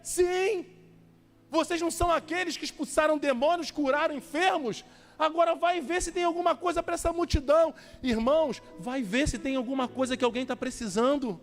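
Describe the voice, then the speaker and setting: Man, pastor, very high voice, lively storytelling sermon, reverberant hall, soft music behind. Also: brisk. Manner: storytelling preacher acting out dialogues, urging.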